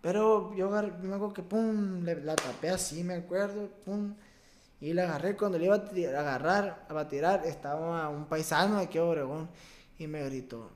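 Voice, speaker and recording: A young man from Mexico, a baseball player, telling a personal story as a podcast guest, with an emotional, halting delivery and many restarts. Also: high-pitched, slight background noise. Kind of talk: casual interview storytelling.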